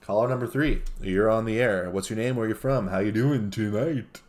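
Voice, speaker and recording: A man hosting a live call-in show from his basement, using smooth radio-host patter with a playful mock-announcer delivery and jokey asides. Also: lowish voice, normal speed, darkish tone. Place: home basement studio.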